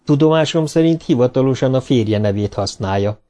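A man's voice: mid-range voice, expressive, dark tone, faint music behind, close to an everyday voice. A man voicing a cold, condescending young man. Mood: cool. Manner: smooth, measured delivery.

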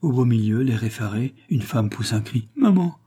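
A man narrating a crime novel as an audiobook, with steady storytelling. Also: on the low side, a little fast, husky.

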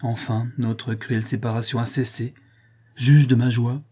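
A man's voice: mid-range voice, little pitch movement, unhurried, slightly rough. A man reading as an overjoyed marquis. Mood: elated. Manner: effusive, warmly familiar with his servant. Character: overjoyed aristocratic male marquis, emotional.

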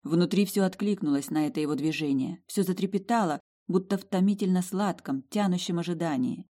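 A woman narrating a first-person fantasy audiobook in an emotive, expressive way. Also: fairly low pitch, a little fast.

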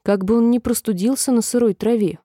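Woman, storybook narration, gentle and expressive, mellow dark tone, dry close sound. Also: fairly high pitch, brisk, no room sound.

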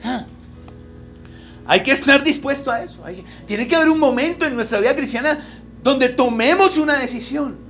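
A man's voice: very high-pitched, expressive, normal speed, faint music behind. Emphatic male pastor preaching a sermon. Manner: preaches with rhetorical questions, swinging between quiet asides and loud emphatic pleas. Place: church service with a congregation.

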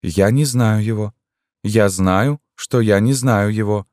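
A man with a low voice reading the part of a bewildered, frightened young woman, who talks in halting, distressed phrases. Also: a little mellow, no echo, studio quality, lightly acted.

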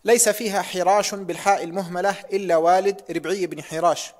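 A man's voice: high-pitched, fairly even intonation, fast. A man reading a hadith text aloud in a lesson, careful and precise, closing sections with pious formulas.

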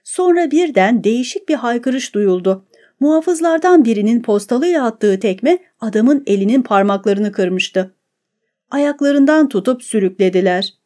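A woman narrating an audiobook in a measured, steady reading. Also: a little high. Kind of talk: scripted narration.

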